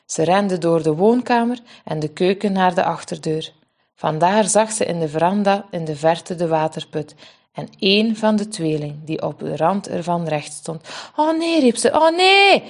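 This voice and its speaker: A woman reading a story aloud for children, with a lively and expressive delivery. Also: fairly low pitch.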